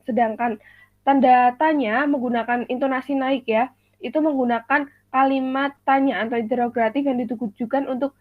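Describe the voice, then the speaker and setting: Young woman, high voice, online teacher, explains step by step, quizzes the class, tinny phone-like sound. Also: no echo. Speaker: teacher in a practice lesson. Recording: dry tinny call audio.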